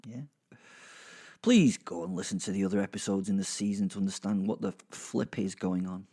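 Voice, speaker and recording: A podcast host whose voice sits low and mellow talks at normal speed over background music. He narrates a loose, chatty recap for his audience, with dry humor and frequent self-interruptions.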